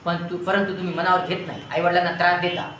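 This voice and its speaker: A man's voice: high-pitched, flat delivery, fast talker, fairly bright tone, slight background noise. A man teaching, giving students an earnest motivational talk in long repeated lists of advice. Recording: very echoey room with faint ambience.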